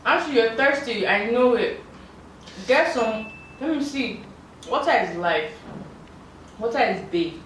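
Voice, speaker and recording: A woman's voice: a little high, expressive, measured pace, pauses often, fairly bright tone. Echoey woman, mouth burning from spice. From Africa. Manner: playful, exclaiming, giggly. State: mouth burning from spicy food. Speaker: vlog host. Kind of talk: casual challenge chat. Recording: very echoey, distant mic, faint noise.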